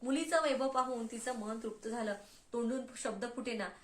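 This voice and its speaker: A woman tells a devotional folk tale in a measured, expressive way. Her voice sits fairly high, and the recording has a noticeable echoey room sound. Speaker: storyteller. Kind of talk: devotional story narration.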